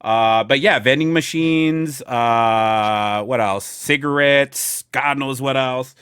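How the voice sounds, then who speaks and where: A man's voice: medium pitch, slow pace, fairly bright tone, clear, resonant tone, dry recording, studio quality. A man hosting a podcast in casual chat, rambling and joking with friends. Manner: rambling, laughing, lots of fillers and jokes. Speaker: podcast host.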